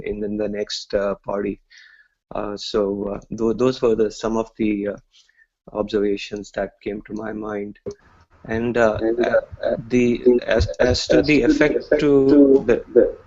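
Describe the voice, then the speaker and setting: A man's voice: lowish voice, darkish tone. A man offers reflective commentary on scripture. He speaks carefully, with many hesitations, and the online call leaves his voice somewhat dull and lo-fi. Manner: hesitant, measured. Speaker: discussion participant. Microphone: online group call.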